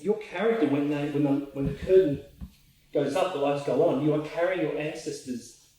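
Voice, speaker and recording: Calm man guiding a drama class. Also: a little high, a little hiss or hum. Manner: calm, guiding instructions with pauses. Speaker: drama workshop leader. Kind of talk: instructing a movement class. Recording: echoey room, voice from far off.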